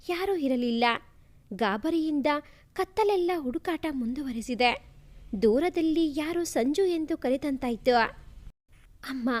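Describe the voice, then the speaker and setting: A woman reading an emotional first-person family story aloud in a soft, feeling way. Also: sits high.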